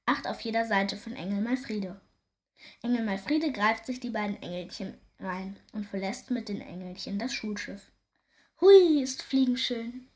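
This is a woman reading a kids' story out loud with lots of life and expression. She speaks at normal speed with a medium pitch.

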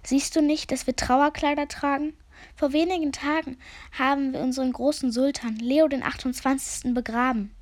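A woman voicing a gloomy, self-important old male raven sage with a croaking voice and a grave, solemn way of speaking. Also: high-pitched, steady tone, moderate pace, pitched above the performer's own voice, natural voice. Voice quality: croaking, rasping.

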